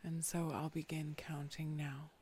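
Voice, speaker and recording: Slow whispery meditation guide. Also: mid-range voice, slight background noise. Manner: soft, often whispered, slow and calm instructions.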